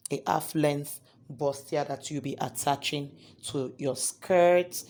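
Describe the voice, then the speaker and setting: A hoarse man teaching a sewing tutorial step by step, often checking in with "okay?". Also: on the high side, steady tone, takes it slowly, a little mellow, a little hiss or hum. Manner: repeats points, ends lines with "okay?". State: hoarse from singing. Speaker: sewing instructor.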